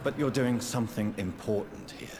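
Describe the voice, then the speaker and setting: A man's voice: on the low side, sing-song, brisk, noisy background. An actor voicing a composed male doctor in game dialogue. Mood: concerned. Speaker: doctor character. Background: game music.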